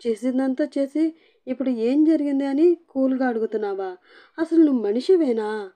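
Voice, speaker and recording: A woman voicing a young bride who sobs and scolds in a shrill, cursing tirade. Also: a little slow, mellow, natural voice. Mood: wailing, cursing.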